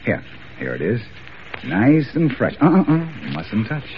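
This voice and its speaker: An actor playing a calm, wry crime-fighting hero in 1940s radio drama, clipped and dry. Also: male voice, mid-range voice, measured pace. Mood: coolly bargaining. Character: calm, wry male masked hero detective, commanding. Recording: noisy, dull 1940s radio recording.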